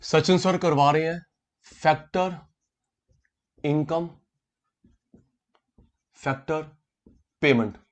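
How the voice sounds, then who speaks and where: This man's voice is on the high side, very slow, and full of pauses as he teaches an online class. Speaking Hindi sprinkled with English terms, he calls on students by name and repeats key words.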